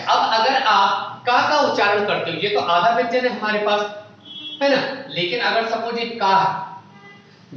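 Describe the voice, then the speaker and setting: Male teacher, high voice, explaining step by step with questions to the class; roomy, lo-fi recording. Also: pushed and bright. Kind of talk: exam-prep Hindi grammar lecture. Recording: echoey room, dull lo-fi sound.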